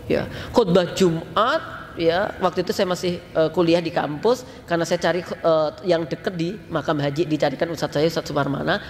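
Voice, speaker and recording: A man with a Javanese accent preaching to a congregation in a lively, chatty storytelling style, mixing in local slang and speaking to the listeners directly. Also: a little high, normal speed. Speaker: Islamic preacher. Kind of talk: casual storytelling sermon. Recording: long hall reverb, faint noise.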